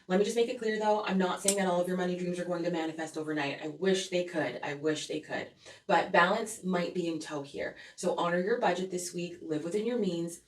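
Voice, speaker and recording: Woman host of a tarot forecast, lowish voice, soothing and earnest; voice set back from the mic in a roomy space. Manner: soothing, earnest, repeats "okay?" to check in with viewers. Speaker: tarot reader and astrology host. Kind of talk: weekly energy forecast with tarot cards. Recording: roomy echo, voice a bit far from mic.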